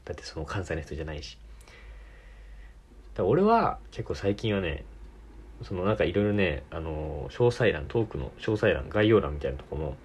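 A man's voice: sits low, very animated, normal speed, a little mellow, a little hiss or hum. A man from Tokyo with a Tokyo accent, hosting his own podcast and rambling casually, correcting himself and laughing often. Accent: Tokyo Japanese. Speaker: podcast host. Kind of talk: casual solo talk.

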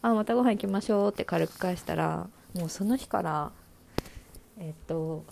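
A woman's voice: medium pitch, vocal fry, mellow, slight background noise. A woman hosting a casual solo talk show, frankly telling personal dating anecdotes with many fillers. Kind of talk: casual storytelling monologue.

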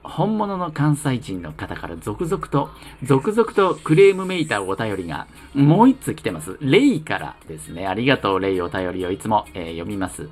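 A man's voice: lowish voice, very animated, normal speed, few pauses, faint music behind. A man from the Kanto region hosting his own solo talk show. He reads listener letters in a chatty, playful, self-mocking way. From Kanto region of Japan. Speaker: solo podcast host reading listener letters. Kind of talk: casual solo radio talk.

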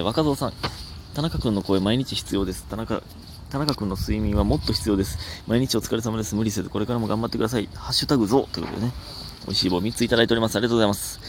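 A young man with a Kansai accent, hosting a casual solo comedy podcast, rambling and self-mocking with sudden animated outbursts. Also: lowish voice, background noise.

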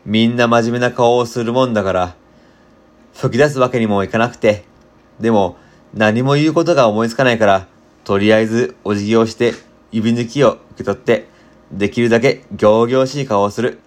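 Male reader, casual storybook narration, mid-pitched, chatty. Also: normal speed. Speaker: volunteer reader.

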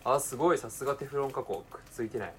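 A young man with a Kansai accent talking casually to himself while cooking, swinging between quiet mumbling and excited outbursts. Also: medium pitch, rapid-fire, noisy background. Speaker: podcaster.

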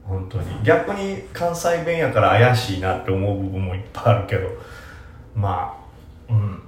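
A man's voice: fairly low pitch, moderate pace, slight background noise. A man with a Kansai accent who hosts a podcast and answers listener questions in a casual, self-deprecating way, with lots of fillers. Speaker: podcast host. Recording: roomy echo.

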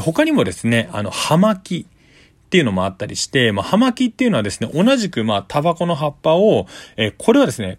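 Man, casual explainer monologue, polite step-by-step manner, very animated intonation, medium pitch, dry close sound. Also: no room sound. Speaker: solo talk show host.

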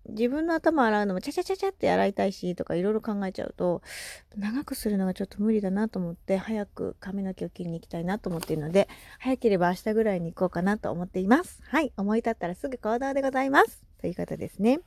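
A woman in her thirties chatting casually on her solo podcast, animated and laughing often, with soft asides. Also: mid-range voice, fast talker, creaky, dry recording. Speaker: podcast host.

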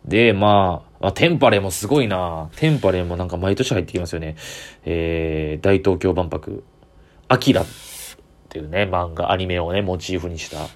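A man's voice: low voice, normal speed. A man with a Kansai accent, chatting on his own as a comedian podcaster, rambling with easy enthusiasm. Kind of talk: solo casual chat.

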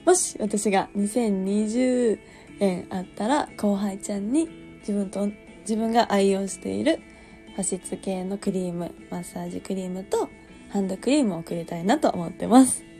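A twenty-something podcast host from Kansai, Japan, talks casually through her solo radio show in a Kansai Japanese accent, chatty, easygoing, and laughing often as she pokes fun at herself. Her mid-range voice is mellow and warm, and faint music plays softly behind her.

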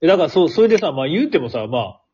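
A man with an Osaka-style Kansai Japanese accent and a very husky voice co-hosts a casual chat. His pitch swings widely as he jokes and repeats himself for emphasis. The audio is somewhat muffled and lo-fi. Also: sing-song, very fast, darkish tone. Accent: Osaka-area Kansai Japanese. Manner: jokey, repeats himself for emphasis, laughs often. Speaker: radio talk show co-host. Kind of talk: casual two-person banter.

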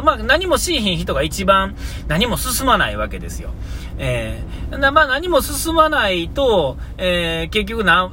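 A man's voice: sits high, sharp tone. A man with a Kansai accent rambling casually and self-deprecatingly as a solo podcast host while out running, recorded outdoors. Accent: Kansai Japanese. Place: outdoors on the move, near traffic. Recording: clearly noisy outdoor street ambience with cars.

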